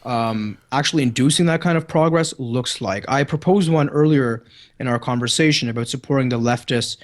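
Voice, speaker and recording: Fast-talking Canadian man arguing his point. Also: mid-range voice. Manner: insistent, rapid arguing. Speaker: podcast guest. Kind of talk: debate-style interview.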